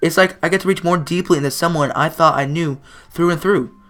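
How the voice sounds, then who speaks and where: A man's voice: a little high, a little fast, fairly bright tone. A man hosting a gaming video, reading a visual novel's text aloud and stumbling over words as he comments on it.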